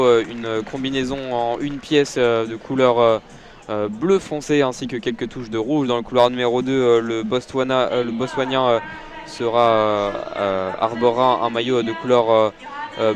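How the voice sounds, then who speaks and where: A man giving live audio-described athletics commentary from a stadium, hesitant with many fillers, rising when excited. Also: medium pitch. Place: outdoor stadium.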